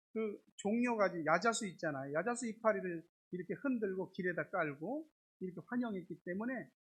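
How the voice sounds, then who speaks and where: High-voiced, husky male pastor preaching. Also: poor audio. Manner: conversational, repetitive filler words. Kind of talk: sermon. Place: church sanctuary.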